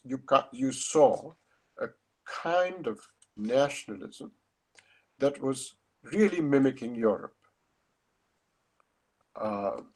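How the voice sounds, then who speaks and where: A man's voice: medium pitch, a little mellow, breathy edge. An older man giving an academic lecture over a video call, thoughtful and emphatic, often restarting his phrases.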